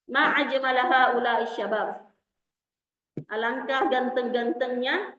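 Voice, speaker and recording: Woman teacher giving a slow, patient lecture in a roomy space. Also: fairly high pitch, a bit bright. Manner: slow and explanatory, repeating terms. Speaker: Arabic teacher. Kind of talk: classroom lecture. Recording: echoey room, dull lo-fi sound.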